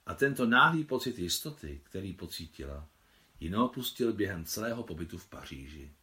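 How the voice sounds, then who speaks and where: Man, audiobook narrator, reading his translated novel, lowish voice, animated melody, expressive storytelling.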